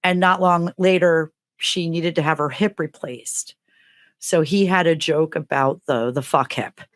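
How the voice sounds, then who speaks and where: In a podcast she co-hosts, a middle-aged teacher shares a funny story in relaxed chat, voicing the quotes with dramatic pitch leaps. Her pace is measured, and the recording is dry with studio quality.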